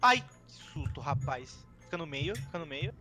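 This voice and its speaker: A man's voice: a little high, big pitch swings, moderate pace, over music. Jokey young man yelping through a game. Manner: jokey, yelps and laughs often. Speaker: gaming friend. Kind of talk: casual group gameplay chat.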